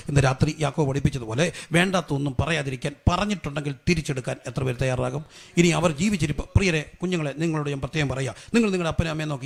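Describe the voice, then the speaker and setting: Malayali pastor, rapid-fire gravelly sermon delivery, fervent. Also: male voice, on the high side. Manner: rises from quiet storytelling to loud fervent exhortation.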